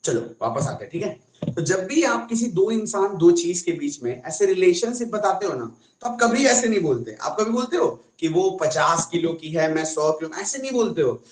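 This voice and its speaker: A man's voice: high voice, big pitch swings, normal speed, reverberant, low-quality recording. A man teaching a casual online maths class in a chatty way, often asking his students questions.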